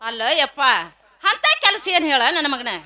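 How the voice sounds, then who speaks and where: A woman playing an elderly, doting village mother in a folk stage play, with a North Karnataka Kannada accent and fond drawn-out replies. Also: high voice, lively intonation, sharp tone, exaggerated voice. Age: older.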